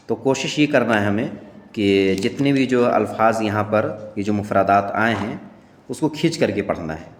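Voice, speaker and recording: Male teacher, lowish voice, patient letter-by-letter recitation, long reverb in an echoey room. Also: lively intonation. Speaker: Quran reading teacher. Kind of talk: beginner Arabic letter lesson.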